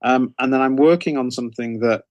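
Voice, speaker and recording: Here a middle-aged author chats as an interview guest about his writing career, keeping it informal and frequently rewording himself hesitantly. He has a medium pitch, speaks a little fast, and sounds a little mellow. There's no room sound.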